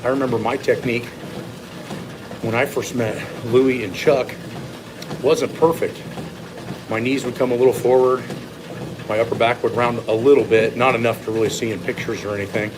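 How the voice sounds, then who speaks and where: A man's voice: medium pitch, fairly even intonation, normal speed, long pauses, noisy background. A man giving a casual, opinionated, off-the-cuff training monologue as a strength coach, speaking bluntly. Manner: blunt, opinionated, occasional swearing. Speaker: strength coach and former competitive lifter.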